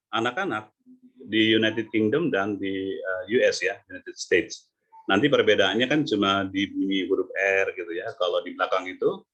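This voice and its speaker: Male pronunciation coach, lively, demonstrates sounds, video call. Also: fairly low pitch, husky. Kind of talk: online teaching talk.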